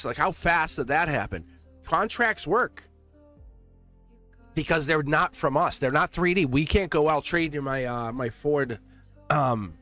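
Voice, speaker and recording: A man with a Boston accent hosting a casual live tarot reading, chatting to viewers in an excitable, chummy, slangy way. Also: mid-range voice. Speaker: tarot reader and livestream host.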